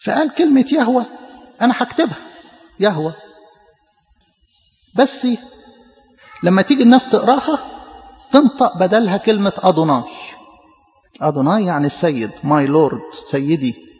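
A man's voice: high-pitched, lively intonation, normal speed, long pauses, darkish tone. A man preaching with an Egyptian Arabic accent, explaining emphatically and stumbling over repeated words. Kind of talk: sermon teaching. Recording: echoey hall, muffled lo-fi.

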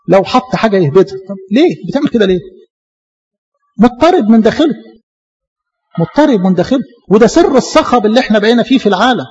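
A man's voice: high voice, darkish tone, husky, lo-fi sound. A man with an Egyptian accent preaching a sermon, fervent and full of rhetorical questions to his congregation. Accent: Egyptian Arabic.

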